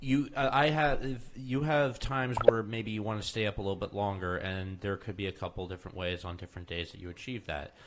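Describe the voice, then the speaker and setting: A man's voice: fairly low pitch, fairly even intonation, a little fast, hardly any pauses, slight background noise. A man hosting a casual late-night talk show, joking and rambling loosely. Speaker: host. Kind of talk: casual chat.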